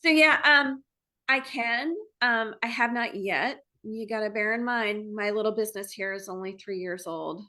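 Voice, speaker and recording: A middle-aged woman from Maryland joins a podcast as a guest. Her voice is bright and forward, and she talks in a friendly, unhurried way, often pausing on fillers. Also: mid-range voice. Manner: friendly, relaxed, many fillers and restarts. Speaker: guest real estate agent. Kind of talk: casual conversational interview.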